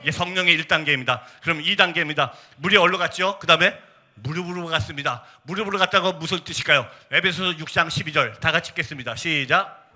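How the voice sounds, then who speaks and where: A man's voice: fairly high pitch, fast, pushed and bright. A male missionary preaching a fervent sermon, telling a story and urging the congregation to pray.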